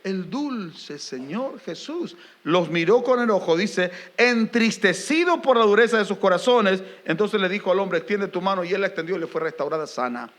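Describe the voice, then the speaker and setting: A man delivers a sermon in a high, bright voice. He preaches with animated emphasis, builds to rising questions and slips in jokes for the congregation. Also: brisk, hardly any pauses. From Argentina. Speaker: pastor.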